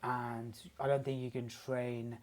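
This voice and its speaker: A man talks as a podcast guest at a middling pitch. He is playful and jokey, drops the odd swear word, and keeps the conversation easygoing. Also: level tone, a little slow, darkish tone. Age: 30s. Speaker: guest, martial artist and sports massage therapist. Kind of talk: casual chat.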